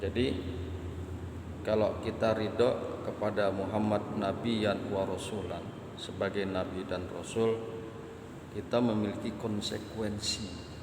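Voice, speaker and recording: A man delivers a sermon in an unhurried, deliberate way, repeating his phrases and chanting Arabic lines. His voice rings in a long, echoey hall with a faint hum of ambience behind it. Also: on the low side, steady tone. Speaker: Islamic preacher.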